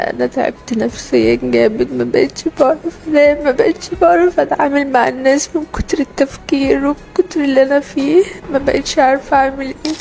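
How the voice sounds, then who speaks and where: A young woman with an Egyptian accent telling her own story in a halting, distressed way, often repeating herself. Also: high voice, gravelly, darkish tone, slight background noise. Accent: Egyptian Arabic. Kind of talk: personal confession.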